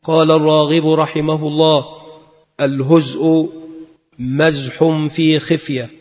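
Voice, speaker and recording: A man's voice: fairly high pitch, level tone, unhurried. A man giving a religious lesson, chanting verses melodically and reading scholars' definitions in a plain teaching voice. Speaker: Islamic lecturer. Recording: dull lo-fi sound with long reverb.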